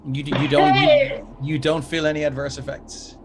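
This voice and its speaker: A man's voice: a little high, big pitch swings, normal speed, very noisy. A man running a tabletop game as game master, narrating casually to his players.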